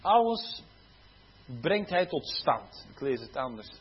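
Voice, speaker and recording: A man's voice: mid-range voice, expressive, a little slow, husky, lo-fi sound. A man preaching a sermon, swelling into fervent cries of hallelujah and dropping into conversational asides where he corrects himself. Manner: rising to fervent exclamations of hallelujah.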